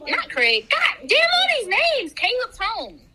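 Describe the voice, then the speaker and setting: Bright, lively woman swearing bluntly. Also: very high voice, a little slow, poor audio. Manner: blunt, swears freely, laughs at her own slips. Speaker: co-host. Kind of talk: casual celebrity news chat.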